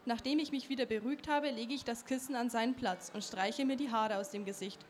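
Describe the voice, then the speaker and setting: A teenage girl reads a passage of her own novel aloud in a fairly high voice, earnest, now and then tripping on a word. Faint background noise runs beneath. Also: brisk. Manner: earnest reading with some slips. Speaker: young author.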